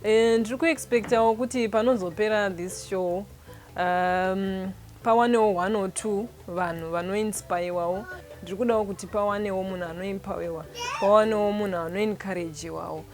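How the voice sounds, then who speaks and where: A woman's voice: mid-range voice, a little fast. A woman of 29 with a Zimbabwean accent, a contestant speaking steadily and mixing languages. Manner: code-switching, steady. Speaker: contestant entrepreneur.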